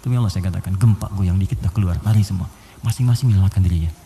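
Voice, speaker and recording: A man's voice: deep voice, very fast, gravelly, dark tone, slight background noise. A man preaching a sermon in a conversational way, full of rhetorical questions, recorded in a hall. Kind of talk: Islamic sermon to a congregation. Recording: echoey hall with long reverb.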